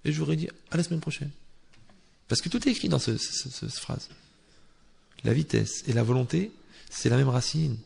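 A man teaching a Torah class who argues with imagined objections and swings from quiet asides to loudly recited Hebrew verses, with a teasing tone. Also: medium pitch, a little fast, gravelly, long pauses, husky. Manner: joking, teasing tone with listeners. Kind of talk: Torah class to a live audience.

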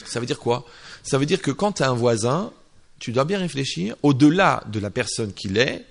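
Gravelly animated French rabbi-style teacher. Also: male voice, mid-range voice, normal speed. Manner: animated, acts out little dialogues, slips in Hebrew terms. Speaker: religious teacher. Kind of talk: informal Torah lesson.

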